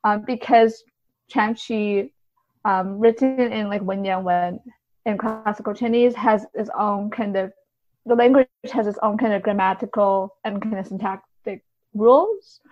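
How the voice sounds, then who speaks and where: In dull, lo-fi audio, a woman guest with a mid-range voice speaks unhurriedly in an interview. A literary translator, she explains her thinking conversationally, cushioning it with many softeners.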